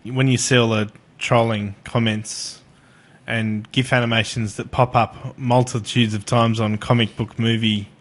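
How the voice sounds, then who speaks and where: A man's voice: medium pitch, flat delivery, measured pace. A man co-hosting a podcast in casual chat, easygoing and hesitant with fillers. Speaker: podcast co-host.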